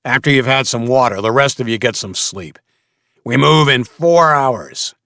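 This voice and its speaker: A man's voice: mid-range voice, moderate pace, pushed and bright, no room sound, studio quality, pitched above the performer's own voice. A man voicing a domineering male slaver leader who barks orders at his crew. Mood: commanding. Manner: barking orders.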